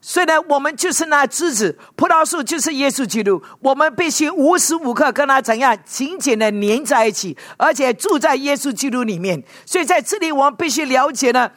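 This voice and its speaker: A woman preaching a sermon in an animated way, often checking with her listeners through rhetorical questions and dropping in English words. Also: high-pitched, a little fast, few pauses, no echo, studio quality.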